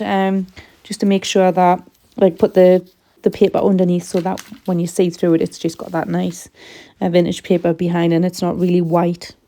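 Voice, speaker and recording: Middle-aged woman, casual craft vlogger, soft mellow voice slightly going, chatty and meandering. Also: mid-range voice. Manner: chatty, rambling, frequent ums. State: losing her voice a little. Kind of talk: casual craft tutorial voice-over.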